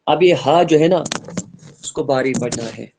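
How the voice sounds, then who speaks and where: A man with a slightly high voice leads an online Quran class. He explains each pronunciation rule earnestly and repeats his points for the students. He then models the verses in a slow, melodic recitation. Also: warm tone, a little hiss or hum. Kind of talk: online tajweed lesson, explaining and slowly reciting.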